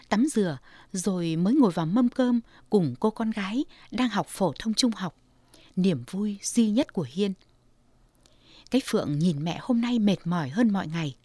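A woman narrating a scripted story in a steady, measured voice. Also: mid-range voice, no room sound.

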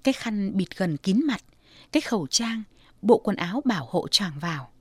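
A woman narrating a scripted story in a steady, measured voice. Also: medium pitch, husky, dry recording.

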